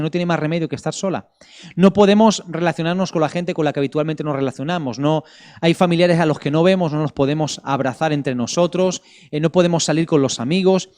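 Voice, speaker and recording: Preaching to an online congregation, this middle-aged Barcelona man speaks with a Spain Spanish accent in a fairly high, slightly mellow voice. His sermon mixes prayer and scripture reading, delivered in an earnest, measured way with emphatic pauses.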